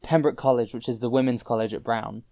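Male player, mid pitch; halting improvised role-play, dry recording with soft music behind. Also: steady tone, vocal fry, dry recording. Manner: hesitant, many fillers and restarts while improvising. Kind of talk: role-playing a character in a tabletop game.

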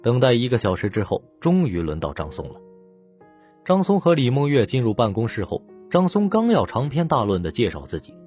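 A man narrating a serialized novel as an audiobook, with steady storytelling delivery. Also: medium pitch, fairly quick, soft background music. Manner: steady storytelling, voicing the lead plainly.

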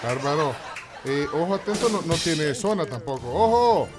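A man's voice: on the high side, very animated, normal speed. A man hosting a morning radio show, chatting casually and introducing jokes sent in by listeners. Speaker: radio host. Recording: music bed behind the voice.

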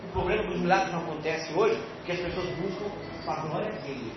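A Brazilian pastor preaching with fervor, swinging between loud exhortation and quiet, pointed asides. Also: male voice, sits high, fast, background noise. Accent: Brazilian Portuguese. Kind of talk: sermon. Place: church. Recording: echoey church hall, distant mic, dull sound, music behind. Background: music.

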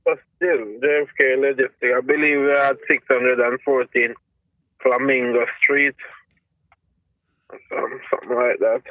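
A man's voice: mid-range voice, little pitch movement, measured pace, long pauses, no room sound. A middle-aged man with a thick Jamaican accent, chatting casually over the phone. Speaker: company truck driver being interviewed. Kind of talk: casual conversation. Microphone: phone call. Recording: muffled, band-limited phone line.

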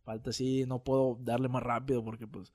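A man voicing a patient, friendly bus driver with a northern Mexican accent from Monterrey, explaining calmly. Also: medium pitch, fairly quick, no room sound, studio quality, lightly acted. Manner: calm, easygoing.

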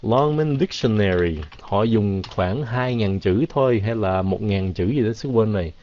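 Man slowly sounding out English words. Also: fairly low pitch, darkish tone, a little hiss or hum. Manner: casual, switches between Vietnamese and English; drawn-out, slow pronunciation of English words. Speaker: English teacher. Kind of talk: live Q&A English lesson. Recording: dull, lo-fi, dry.

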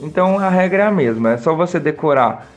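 A man with a Brazilian Portuguese accent teaching an online English lesson in a friendly way, drilling words slowly. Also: fairly high pitch, animated, roomy sound, lo-fi sound, faint music behind.

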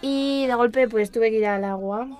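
A woman's voice: a little high, unhurried, over music. Joking woman on radio. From Barcelona. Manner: jokey, storytelling, teasing. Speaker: radio co-host. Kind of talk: playful radio banter. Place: radio studio.

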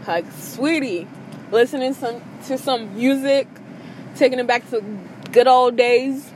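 A woman's voice: sits high, a little slow, a little mellow, a little hiss or hum, low-quality recording. A teenage girl vlogging from a parked car, chatty and self-deprecating, with lots of fillers. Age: teens. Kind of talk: rambling casual vlog chat. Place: parked car in a public lot. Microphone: phone.

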